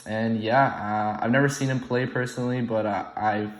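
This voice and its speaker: A man's voice: medium pitch, fairly even intonation, a little fast. A young man who was born in the UK, hosting an online game and rambling casually with many ums and restarts. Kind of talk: casual unscripted commentary. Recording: echoey room, poor audio.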